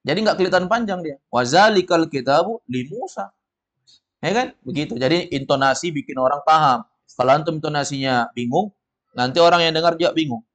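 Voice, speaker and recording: Patient male Arabic tutor, relaxed classroom talk, slightly high pitch. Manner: patient, reassuring, models pronunciation slowly. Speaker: Arabic teacher. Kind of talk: casual classroom teaching.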